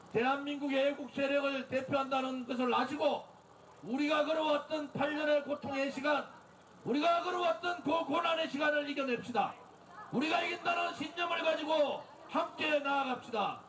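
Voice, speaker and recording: A man delivering an impassioned, declamatory political rally speech as the leader, exhorting listeners and shouting slogans. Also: very high voice, normal speed. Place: outdoor street rally in front of a building. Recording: outdoor PA, echoing, distant, noisy crowd.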